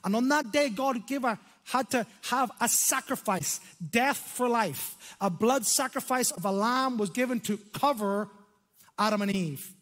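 A man in his fifties from Ireland with an Irish accent, preaching a sermon on a church stage through a headset mic, animated, with slow, dramatic emphasis on key words. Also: very high-pitched. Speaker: pastor. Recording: long hall reverb.

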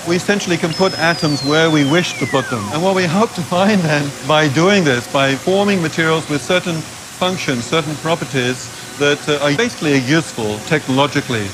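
A middle-aged man, a researcher, explaining his work in an interview in a lab in a measured way. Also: on the high side, background noise. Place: lab with machinery.

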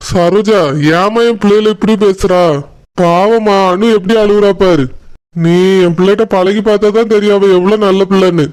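A man voicing a gentle middle-aged father in a cartoon, calm and pleading, with a Tirunelveli Tamil accent. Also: high-pitched, moderate pace, clean tone, natural voice, poor audio. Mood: soothing.

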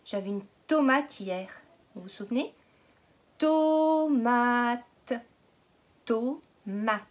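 A woman teaching a phonics lesson to young children, stretching out each word slowly and patiently asking questions. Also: medium pitch. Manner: slow, exaggerated word pronunciation. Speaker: kindergarten teacher.

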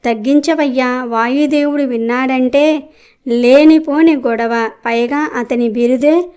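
A woman's voice: high voice, unhurried, a little mellow, smooth. A woman voicing a sly male wandering sage who coaxes and probes with questions in a told folktale. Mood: coaxing. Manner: coaxing, probing questions.

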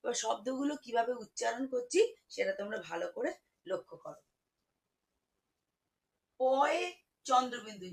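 A woman teaching children to read, spelling words out slowly syllable by syllable. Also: on the high side, vocal fry, rough recording. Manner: slow, syllable-by-syllable spelling, warm teacherly coaxing. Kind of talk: children's reading lesson.

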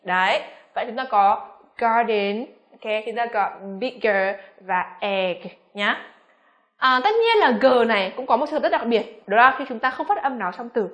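Woman, pronunciation teacher, bright slightly high voice, quizzes the class and models each word slowly. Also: expressive. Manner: addresses learners as "các em", frequent rhetorical questions; slows down to model English words slowly. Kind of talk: classroom-style pronunciation lesson.

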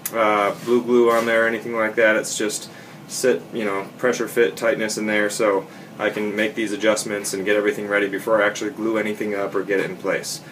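A young man with a low, level voice walks through a home repair step by step in a casual how-to tone. He talks plainly, with fillers and quick self-corrections. He is picked up on a nearby camera mic in a basement room with a faint hiss behind him. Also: a bit bright. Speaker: DIY instructor. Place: unfinished basement bathroom, indoors. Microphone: camera mic, filming handheld and close.

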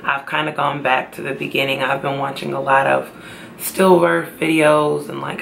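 A tired young woman talking slowly and tearfully to camera in a personal vlog, trying to stay upbeat. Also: rumbling low, creaky, a bit bright, slight background noise. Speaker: pregnancy vlogger.

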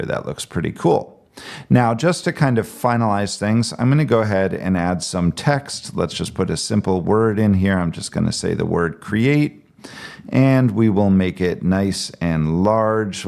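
A man calmly talking step by step through a screen-recorded software tutorial. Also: low voice, measured pace, gravelly. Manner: calm step-by-step explaining. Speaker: tech tutorial presenter.

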